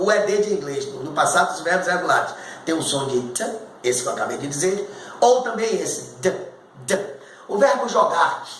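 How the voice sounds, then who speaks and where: Lively Brazilian man teaching pronunciation. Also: a little high. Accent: Brazilian Portuguese. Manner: repeats sounds for drilling, animated. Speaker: English teacher. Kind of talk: casual pronunciation lesson. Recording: echoey room with faint noise.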